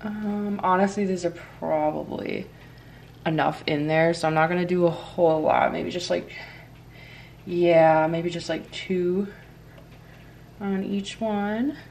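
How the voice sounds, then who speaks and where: A woman's voice: fairly low pitch, steady tone, takes it slowly, creaky, pauses often, a little mellow, slight background noise. A young woman vlogging while baking, talking casually and hesitantly with lots of ums and likes. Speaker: cooking vlogger. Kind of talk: casual chat. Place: home kitchen. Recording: echoey room, mic far off.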